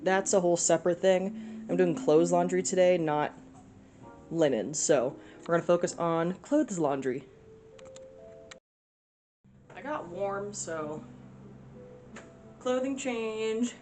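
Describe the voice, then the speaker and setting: A woman's voice: lowish voice, unhurried, warm tone, faint music behind. A young woman chatting casually through her day at home for a vlog, rambling with lots of fillers. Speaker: vlogger.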